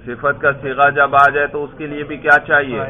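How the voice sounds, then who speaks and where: A man's voice: on the high side, little pitch movement. Male grammar teacher, quizzing style, asks and answers himself; tinny lo-fi recording. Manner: drills students, asks and answers his own questions. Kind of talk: classroom lesson with questions and answers.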